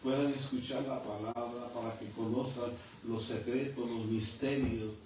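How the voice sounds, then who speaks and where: A man's voice: medium pitch, steady tone, unhurried, a little mellow. Middle-aged male preacher, fervent sermon, roomy echoing church sound with faint background noise. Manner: fervent, addresses listeners as brother. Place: church hall. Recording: echoey hall from far off, faint noise.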